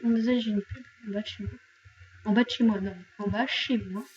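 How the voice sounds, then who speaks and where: A woman's voice: medium pitch, fairly even intonation, fairly quick, lo-fi sound, background noise. A young woman chatting playfully to her viewers while she plays, talking to objects and joking about crying. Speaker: gaming youtuber. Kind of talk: casual let's play commentary.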